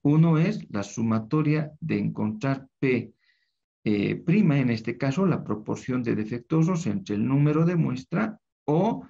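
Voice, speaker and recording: A man's voice: medium pitch, lively intonation, a little slow, vocal fry, dark tone, husky. A man teaching a recorded lecture, explaining step by step and often checking with tag questions. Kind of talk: recorded lecture over screen. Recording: dull lo-fi recording.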